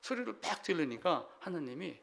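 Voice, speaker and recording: A male pastor preaching a sermon in a lively, animated way, acting out people crying out to God. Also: on the high side, moderate pace, gravelly.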